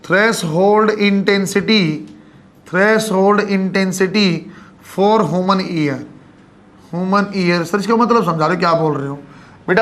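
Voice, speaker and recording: A male physics teacher with a Haryanvi Hindi accent, giving a classroom lecture and calling his students "kids" as he checks they follow. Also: high-pitched. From Haryana, India. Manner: addresses students as kids, frequent check-ins.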